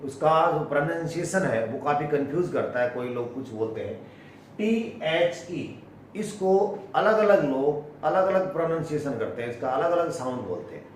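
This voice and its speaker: A man with an Indian accent teaching English pronunciation, explaining slowly and repeating key words, mixing in English phrases. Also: a little high, expressive, a little mellow, a little hiss or hum. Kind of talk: classroom-style explanation. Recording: echoey room, voice from a distance.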